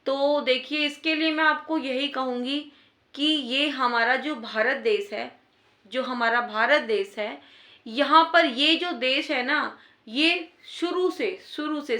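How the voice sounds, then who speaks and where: A woman's voice: high-pitched, pushed and bright, echoey room. A woman giving earnest, repetitive advice in a casual talk to wives. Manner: earnest, repeats points for emphasis. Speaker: advice vlogger.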